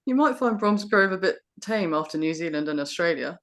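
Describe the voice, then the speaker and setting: A woman plays a prim, forthright young female student in an audio drama. Her voice sits a little low, and she speaks directly and properly. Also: animated, brisk, a bit bright. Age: young adult.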